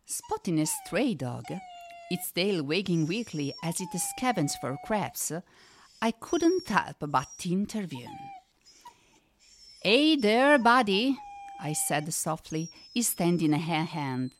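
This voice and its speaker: Female storybook narrator, low and expressive, slow delivery.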